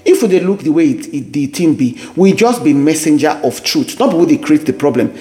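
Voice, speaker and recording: A man's voice: a little high, lively intonation, brisk, mellow. A man gives a devotional sermon in West African Pidgin English, repeating phrases for emphasis, with music faintly behind him. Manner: speaks in Pidgin, with repetition for emphasis. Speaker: preacher, devotional host.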